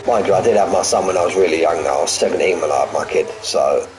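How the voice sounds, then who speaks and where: Low-pitched and a little mellow, he talks fast with faint music behind him. He's a sim racing commentator and streamer in his forties, blending live race commentary with jokey chat, repeated phrases, and banter with his viewers between the action.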